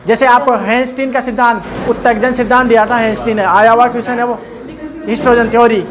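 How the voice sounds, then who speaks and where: A man's voice: very high-pitched, level tone, fast, a crowd in the background. A man teaching a classroom biology lesson, repeating key terms and telling students to look and write along. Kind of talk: classroom biology lecture, dictating notes.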